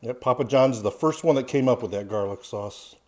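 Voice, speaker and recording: A man's voice: medium pitch, fairly quick, darkish tone. A man in his forties giving a casual, plain-spoken food review with his child. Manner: easygoing, plain-spoken, opinionated.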